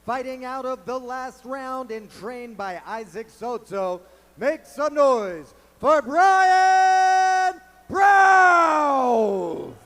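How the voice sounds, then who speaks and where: Guy doing boxing ring announcer intros, super high raised voice, really slow and booming, drags the names out. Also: lively intonation, a bit bright. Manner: booming, stretches out fighters' names. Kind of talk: formal boxing ring announcing, drawn-out delivery.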